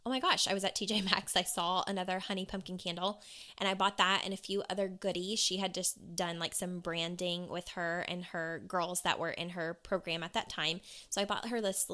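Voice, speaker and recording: A woman's voice: on the low side, little pitch movement, moderate pace, pushed and bright. A young adult woman hosting a podcast, telling her own story candidly in a conversational way with frequent filler words. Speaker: podcast host and coach. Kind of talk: personal storytelling monologue.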